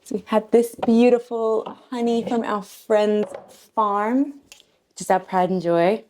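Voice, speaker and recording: A woman's voice: medium pitch, steady tone, a little slow, a little mellow, a little hiss or hum. A woman hosting a home cooking video, chatting playfully and joking as she plates a dessert in her kitchen. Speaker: cooking show host. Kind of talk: casual cooking demo chat.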